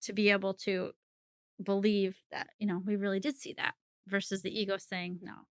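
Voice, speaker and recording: A woman's voice: medium pitch, little pitch movement, moderate pace, clear, resonant tone, no echo, studio quality. A middle-aged woman, a psychic medium, chatting as a podcast guest and laughing often as she explains. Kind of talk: casual interview conversation.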